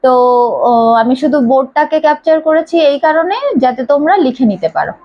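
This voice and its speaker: A woman's voice: high voice, expressive, fast, lo-fi sound. A woman teaching pronunciation in a classroom, patiently repeating each sound over and over. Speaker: English teacher. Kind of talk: spoken lesson to a small class. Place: classroom with a board.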